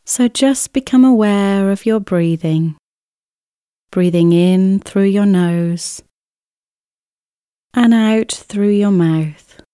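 Slow, soothing woman guiding relaxation. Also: mid-range voice, smooth, dry recording, clean studio sound. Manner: soothing, gentle, unhurried with long pauses. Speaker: relaxation therapist guiding an exercise. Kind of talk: scripted guided relaxation, body scan meditation.

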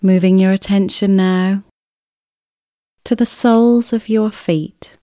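Slow, soothing woman guiding relaxation. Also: medium pitch, fairly even intonation, dry recording, clean studio sound. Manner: soothing, gentle, unhurried with long pauses. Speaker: relaxation therapist guiding an exercise. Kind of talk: scripted guided relaxation, body scan meditation.

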